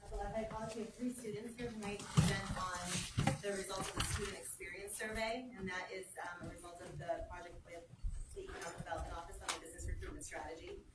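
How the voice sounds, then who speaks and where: A woman from the college introduces the student speakers, friendly and a little halting as she sets things up. Her voice is mid-pitched. She is recorded from a distance in an echoing room with loud background noise. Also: fairly even intonation. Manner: friendly, organizing, a bit halting. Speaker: college community liaison. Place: community center meeting room.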